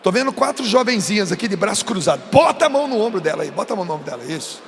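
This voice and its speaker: A Brazilian man preaching to a youth crowd, emphatic, swinging between coaxing and shouting. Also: sits high, sing-song, rapid-fire. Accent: Brazilian Portuguese. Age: adult. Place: large event stage. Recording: long reverb of a big venue, faint noise.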